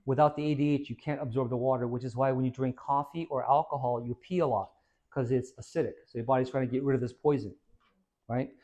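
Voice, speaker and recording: A man who is a fitness trainer, giving an informal, energetic talk to a small audience. He quizzes the listeners and tags many points with "right?". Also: mid-range voice, quick pace. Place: hair and skin salon, indoors.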